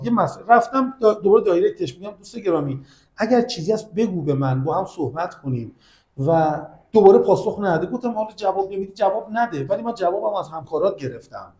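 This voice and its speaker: A man's voice: on the high side, dark tone, reverberant. A man, a podcast guest, earnestly retelling a long grievance in conversation. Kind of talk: conversational storytelling.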